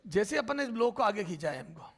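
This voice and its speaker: A man teaching a physics lecture at the board, calling students "beta", asking and answering their questions himself, and repeating terms slowly while he writes. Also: sits high, sing-song.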